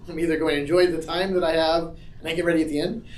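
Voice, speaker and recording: Guy leading a sunday school class, kinda high voice, lively, echoey room, mic far off. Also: very fast, slight background noise. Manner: animated, acts out quotes in changing voices. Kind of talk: casual Bible class teaching. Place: church classroom. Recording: roomy echo from far off.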